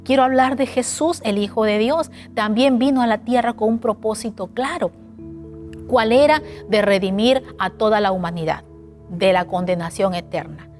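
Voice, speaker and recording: Female preacher, animated sermon delivery, higher voice, faint music bed. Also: normal speed. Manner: animated, asks rhetorical questions.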